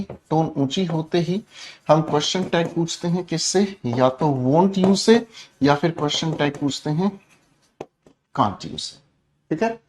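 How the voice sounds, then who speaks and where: A man teaching a classroom lesson, explaining with loud shouted example commands and calling the students "beta". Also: a little high, a little hiss or hum.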